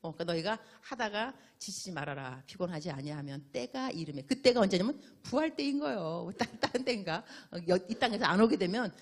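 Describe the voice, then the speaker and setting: Animated woman missionary preaching. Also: medium pitch, a little fast, few pauses. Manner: animated, playful, acts out dialogues. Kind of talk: sermon.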